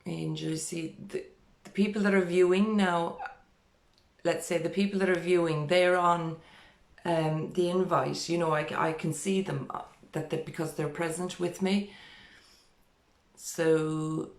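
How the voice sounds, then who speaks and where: Host, middle-aged woman, unhurried chatty delivery, filler-heavy, roomy webcam sound. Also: on the low side, steady tone. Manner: chatty, many fillers and restarts. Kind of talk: casual live-stream interview. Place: small room indoors.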